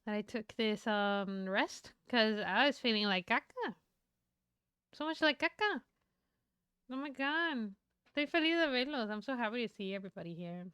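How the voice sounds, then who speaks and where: A woman chatting casually on a live stream, excitable and swearing freely, switching back and forth between English and Spanish. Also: on the high side, clean tone, no echo, clean studio sound.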